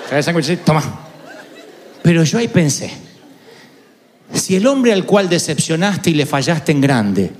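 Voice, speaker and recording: A man preaching with an Argentine accent, telling a funny personal story and playfully acting out the voices in it. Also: high voice. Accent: Argentine Spanish. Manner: playful, acts out voices in anecdotes. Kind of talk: humorous storytelling sermon.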